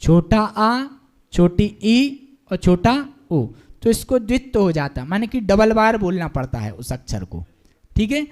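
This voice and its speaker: A man's voice: high-pitched, very animated, darkish tone. A man teaching a Hindi-language devotional class, patiently drilling pronunciation by stretching out syllables and having the class repeat them. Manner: slow, drawn-out syllable drilling, patient and encouraging. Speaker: Jain monk teaching a class. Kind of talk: pronunciation lesson, call and repeat.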